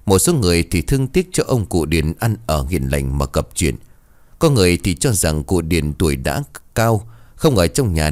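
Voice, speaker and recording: A man tells a ghost story with expressive, dramatic delivery. His voice is deep and swings through a wide, lively pitch range. The recording is dry and close. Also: no echo.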